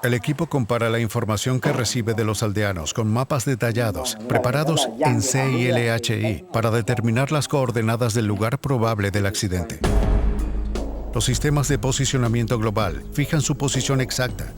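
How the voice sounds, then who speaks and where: A man reading scripted narration in a measured, serious nature-documentary manner. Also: mid-range voice. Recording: music behind the voice. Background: background music.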